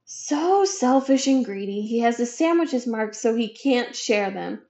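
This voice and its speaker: A woman reading aloud, voicing a snooty little schoolgirl who sneers slowly. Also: on the high side, expressive, warm tone. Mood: sneering. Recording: dull lo-fi recording.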